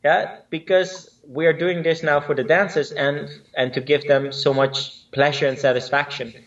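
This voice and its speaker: A Spanish man raised with both Spanish and Dutch is a guest in a casual English-language interview, where he works as a line dance instructor. His slightly high, somewhat bright voice moves at a normal speed with a flat delivery, full of hesitation, fillers and restarts. The audio is dull and captured from a distance.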